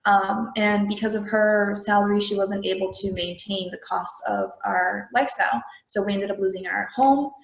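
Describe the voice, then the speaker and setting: Young adult woman from Peru, interview guest, chatty with a lot of fillers, gravelly edge, mid-range pitch. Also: fairly even intonation, moderate pace, hardly any pauses, echoey room, poor audio. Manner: chatty, frequent fillers like "like" and "you know". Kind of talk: casual interview talk.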